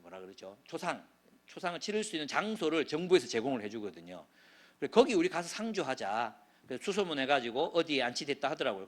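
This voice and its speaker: A middle-aged male pastor preaching a sermon as a story, his voice swelling loud and then dropping low. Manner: animated storytelling, voice swells and drops sharply. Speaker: pastor, guest speaker.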